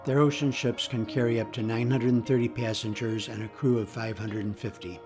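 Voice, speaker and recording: A man narrating a travel video in a steady, informative scripted voice-over. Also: medium pitch, a little fast, over music. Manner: even, informative. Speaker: travel vlogger.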